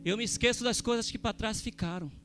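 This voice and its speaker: High-pitched, bright-voiced preacher. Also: male voice, quick pace, faint music behind. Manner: emphatic, rising to forceful exclamations. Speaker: missionary preacher. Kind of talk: sermon.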